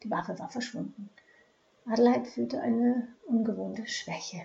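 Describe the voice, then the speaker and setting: Female audiobook narrator, crime thriller, slightly high voice, measured, muffled lo-fi sound. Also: gravelly, mellow. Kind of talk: scripted crime novel narration. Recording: dull lo-fi recording.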